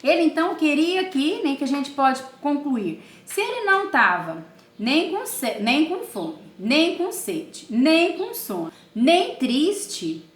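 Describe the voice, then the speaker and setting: A woman teacher talking slowly and with a lot of expression, asking her class questions and then answering them herself. Her voice rises and falls a great deal, and she keeps checking in with tag questions. The recording has the echo of a bare room. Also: high voice, big pitch swings. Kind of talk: online class reading a story aloud.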